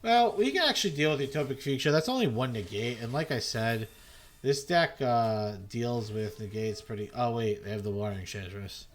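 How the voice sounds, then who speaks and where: A man's voice: mid-range voice, moderate pace. A man giving loose, self-mocking gameplay commentary as a video host, swearing freely. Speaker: gaming content creator.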